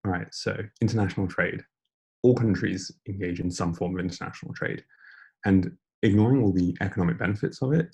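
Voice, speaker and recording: A young man giving an informal online lecture, speaking in a hushed near-whisper as quietly as possible, breathy as if losing his voice. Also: low voice. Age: young adult. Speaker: debating lecturer.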